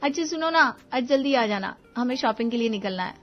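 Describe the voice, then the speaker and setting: A woman's voice: on the high side, animated, a little fast, lo-fi sound, soft background music, lightly acted. A woman voicing a bossy, dramatic young wife in a cartoon, sassy and demanding. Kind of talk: cartoon voice acting.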